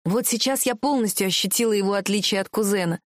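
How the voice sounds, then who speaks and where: A woman reading a first-person audiobook narration in an even, measured way. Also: mid-range voice, dry recording, clean studio sound.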